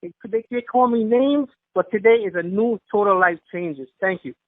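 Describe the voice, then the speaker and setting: Fervent high-voiced man on a phone line. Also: moderate pace, no room sound. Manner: fervent, repetitive, preacher-like emphasis. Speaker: caller giving a testimonial. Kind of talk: emotional phone testimonial. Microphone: telephone.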